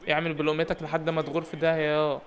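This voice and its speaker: A young man with an Egyptian Arabic accent giving joking, excited commentary on a football game and shouting at his players. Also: a little high, rapid-fire. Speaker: gaming YouTuber.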